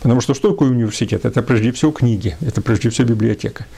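Gravelly, hesitant lecturer. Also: male voice, medium pitch, very fast, warm tone. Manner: hesitant, many filler sounds. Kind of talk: unscripted lecture.

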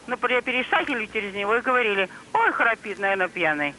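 A woman's voice: fairly high pitch, lively intonation, quick pace, sharp tone, slight background noise. A woman calling in to a TV show over the phone, telling a personal story earnestly and plainly, acting out the dialogue she retells. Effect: heard over a phone line on air. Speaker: caller to a TV call-in show. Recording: phone call aired on a broadcast.

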